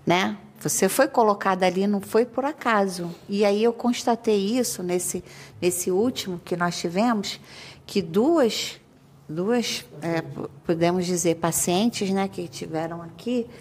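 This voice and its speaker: A woman's voice: mid-range voice, measured pace. A woman chatting in a group, telling a personal story with hesitant restarts. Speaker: medium sharing an experience.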